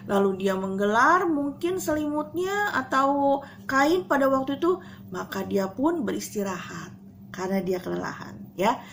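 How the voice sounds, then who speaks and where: A woman speaking at a school chapel, telling children a Bible story in an animated way and talking straight to them. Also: a little high, slight background noise. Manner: swings between soft hushed asides and loud excited bursts.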